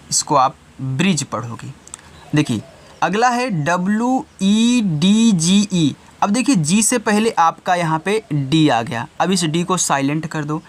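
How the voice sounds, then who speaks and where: A man's voice: high-pitched, a bit bright. A man teaching English spelling rules, asking a question and answering it himself over and over. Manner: repeats questions and answers to drill students. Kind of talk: slow classroom-style lesson.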